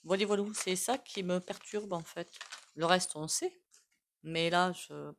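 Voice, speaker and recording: A woman's voice: on the low side, unhurried, background noise. A woman doing a casual tarot reading, chatty and full of asides to her viewers. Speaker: tarot reader.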